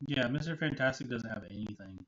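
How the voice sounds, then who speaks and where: A man's voice: medium pitch, fast. A man streaming a video game, chatting casually and rambling with lots of fillers and restarts. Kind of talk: casual gaming chat. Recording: muffled with faint noise.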